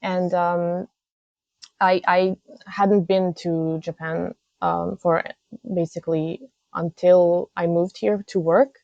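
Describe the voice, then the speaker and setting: A woman's voice: lowish voice, flat delivery, slow, creaky, darkish tone, no room sound, highs cut off. A young woman from Serbia, a guest in a casual interview, speaking hesitantly with many fillers and restarts. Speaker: guest, games news editor.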